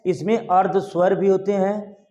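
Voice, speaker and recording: A man teaching a Hindi exam-prep lesson at a board, lively, asking his students questions over and over. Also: sits high, measured pace, roomy sound, dull audio. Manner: lively, repeats questions to students, calls them "dear child". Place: classroom with a board.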